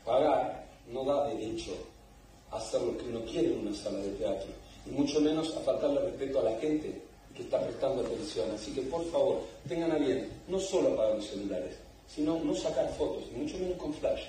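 Stern actor in an echoey theater. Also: male voice, mid-range voice, a little fast, mellow, slight background noise. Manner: stern, emphatic. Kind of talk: curtain speech to a theater audience. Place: theater hall. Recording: distant echoey theater recording.

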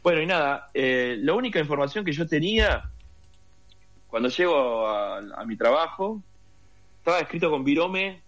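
A man's voice: a little high, lively intonation, normal speed, a bit bright, highs cut off. An Argentine man with a Rioplatense accent, telling a long story as an interview guest with lots of fillers. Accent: Rioplatense Spanish. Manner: rambling storyteller with many fillers. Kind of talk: casual interview conversation.

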